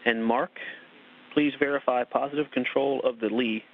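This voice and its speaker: A man giving spacewalk instructions as a communicator, precise, measured and formal, over a radio link. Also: mid-range voice, fairly even intonation. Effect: radio transmission. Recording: tinny radio link, faint hiss.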